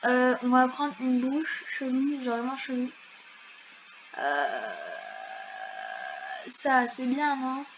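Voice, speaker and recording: A woman's voice: sits high, lively intonation, slow pace, long pauses, slight background noise. A woman chatting casually over her gameplay as a YouTuber, in a slangy way full of fillers. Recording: slightly dull lo-fi mic.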